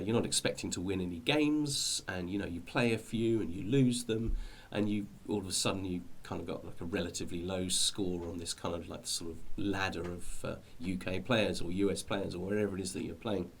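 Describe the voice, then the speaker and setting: A middle-aged British man with a fairly low voice hosts an informal video, talking to viewers in a rambling, hesitant way and often doubling back on what he's said.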